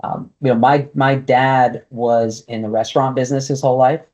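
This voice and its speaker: This man's voice is mid-range and level, moderately paced, with a darkish tone on a lo-fi recording. He's a guest being interviewed, a casino executive in his forties from Brooklyn, New York, partly raised in Guatemala, whose first language is Spanish; he responds thoughtfully, often restarting and using fillers.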